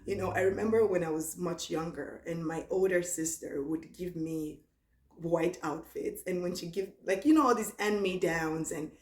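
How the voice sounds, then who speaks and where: A young Nigerian woman with a low, easygoing voice talks casually through a question-and-answer vlog. She reads each question aloud slowly, then answers in a relaxed, chatty way. Her voice rings in an echoey room. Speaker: vlogger.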